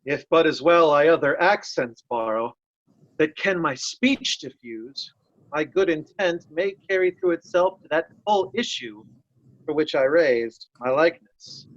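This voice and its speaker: In a readers' theatre Shakespeare piece, a man voices a loyal, blunt nobleman disguised as a servant, earnest, deferential and resolute. His voice sits on the high side with lively intonation and a measured pace. The lo-fi recording is dull and dry, with no room sound.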